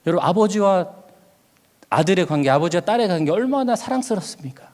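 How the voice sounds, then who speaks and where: A man's voice: high-pitched, sing-song, brisk, a little mellow. A middle-aged male pastor preaching a sermon, telling a personal story and acting out his own past words. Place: church sanctuary. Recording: long hall reverb.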